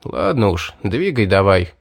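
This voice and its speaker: A man voicing a gruff, brisk male squad leader in an audiobook, giving curt orders. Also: sits low, sing-song, voice pushed down, exaggerated voice.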